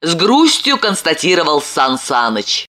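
A woman reading an audiobook aloud in an expressive way, acting out the characters' lines as she goes. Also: sits low, unhurried. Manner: lively, voices characters' lines. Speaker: audiobook narrator.

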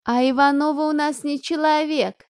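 A woman's voice: sits high, animated, a little slow, dry recording, studio quality. A woman doing a jeering teenage schoolgirl. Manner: jeering, loud. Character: mocking teenage schoolgirl sidekick.

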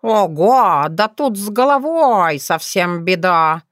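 A reader voicing a cautious, curious talking cat with slow, drawn-out questions. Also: medium pitch, big pitch swings, a bit bright, no room sound, studio quality. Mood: nosy. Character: wary talking cat, chatty and nosy.

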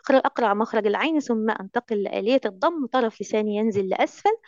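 A woman's voice: on the high side, expressive, rapid-fire, darkish tone, dry recording, dull audio. A woman teacher with an Egyptian Arabic accent, coaching recitation in an online lesson, coaxing and affectionate, full of endearments.

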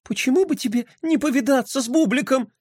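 A man voicing a skeptical, spunky skateboarder girl in a storybook reading, sharp and dismissive. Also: very high voice, fairly quick, dry recording, clean studio sound, pitched above the performer's own voice. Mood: scoffing.

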